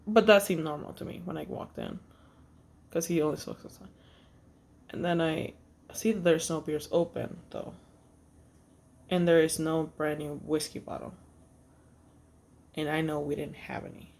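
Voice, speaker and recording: A woman casually telling a personal story in a vlog, halting with fillers and restarts, blunt and swearing freely. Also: low voice, steady tone, gravelly, darkish tone, a little hiss or hum. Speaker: vlogger.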